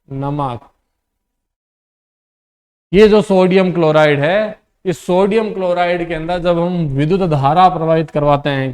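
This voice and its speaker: A man with a Rajasthani Hindi accent teaches a classroom lesson, dictating definitions slowly. He keeps firing questions at the students, calls them "beta" and answers his own questions. His voice sits somewhat high for a man. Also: darkish tone.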